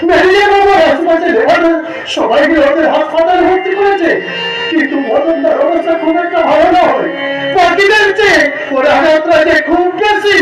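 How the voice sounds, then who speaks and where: Man playing a hammy, high-pitched slum labourer. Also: a little fast, distant mic. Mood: worried. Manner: hammy, loud stage projection. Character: worried, loyal slum labourer. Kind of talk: Bengali jatra folk theatre acting. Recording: echoey stage PA from afar, music, crowd.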